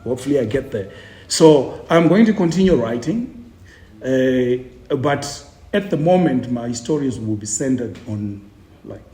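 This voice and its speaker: A man in his forties from Zimbabwe, talking as a tour guide and author in a casual interview. He is chatty and jokey, with a mid-range voice, and he repeats words as he searches for them. The sound is roomy, with a clear echo around him. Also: medium pitch, animated, measured pace, mellow. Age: 40s.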